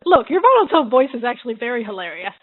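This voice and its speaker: A woman's voice: fairly high pitch, big pitch swings, fast, no echo. A woman hosting a drawing livestream, chatting casually and laughing often as she works. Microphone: computer mic she adjusts. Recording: narrow phone-like sound.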